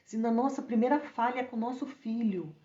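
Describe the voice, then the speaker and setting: A Brazilian woman preaches in a chatty, informal way, with a fairly high voice. She keeps asking her listeners rhetorical questions. The audio is echoey and a little dull. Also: normal speed, mellow. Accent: Brazilian Portuguese. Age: adult mother. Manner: conversational, addresses listeners as "gente", asks rhetorical questions. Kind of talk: informal sermon.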